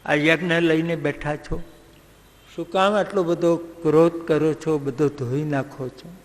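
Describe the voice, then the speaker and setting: A man's voice: fairly high pitch, steady tone, measured pace, in a large hall, voice pushed down, close to an everyday voice. A man voicing queen Draupadi, a devoted woman pressing her husband with questions. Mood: pressing worried.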